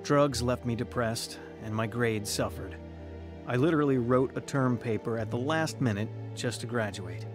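In a radio drama, the narrator and lead actor plays a troubled, searching young man earnestly telling his own story in the first person. His voice is medium-pitched, natural, and at normal speed, with a somber, reflective mood and music playing behind it.

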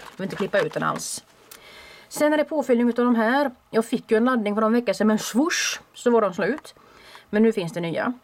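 A woman who runs a craft shop, chatting casually and warmly as she shows off new stock at home. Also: mid-range voice, a little hiss or hum. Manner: chatty and friendly, with small restarts. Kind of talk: casual product show-and-tell.

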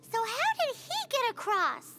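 Squeaky, tiny anime fairy girl. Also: slow pace, heavily acted. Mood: puzzled. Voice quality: squeaky, childlike. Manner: excitable. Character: tiny, excitable floating fairy girl companion. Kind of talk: video game voice acting. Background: game music.

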